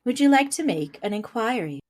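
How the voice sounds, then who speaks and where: A woman's voice: fairly high pitch, brisk. A woman voicing a formal, literal robot paladin in a tabletop game, talking in clipped voice-assistant tones. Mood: robotic. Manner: flat, clipped voice-assistant delivery. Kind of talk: online tabletop role-play.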